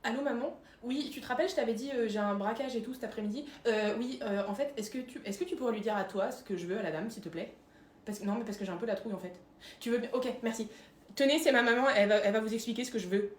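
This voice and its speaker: A woman playing a timid, apologetic female bank robber who speaks quietly and stammers. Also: on the high side, quick pace, lightly acted. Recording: echoey room.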